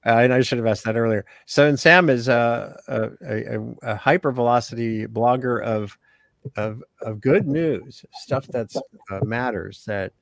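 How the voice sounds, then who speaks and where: A man's voice: medium pitch, a little slow, gravelly, no echo. An older man hosting an online panel over a video call, talking casually and hesitantly with many fillers and restarts. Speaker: host.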